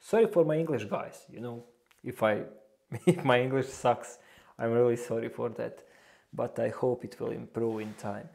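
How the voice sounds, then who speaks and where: The speaker is a young man with a Bosnian accent hosting a casual reaction video in a small room with a lamp. His mid-range voice is creaky and darkish, at a normal speed, and he hesitates often with fillers and restarts.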